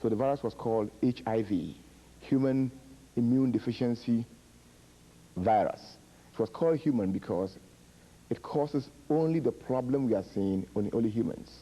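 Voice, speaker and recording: Speaking in a mellow, mid-range voice on a muffled recording, a middle-aged man from Ghana who heads a public health project gives measured, halting answers about a disease's history, with repeated words and fillers.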